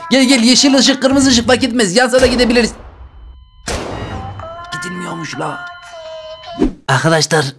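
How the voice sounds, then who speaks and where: A man hosting a gaming channel, giving excited, joking gameplay commentary straight to his viewers. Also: sits high.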